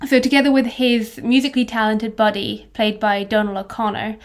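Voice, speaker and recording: A woman with a fairly high voice chats on a podcast, replying briefly or laying out a summary in neat, brisk order. Her tone stays casual and conversational. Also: flat delivery. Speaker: podcast co-host.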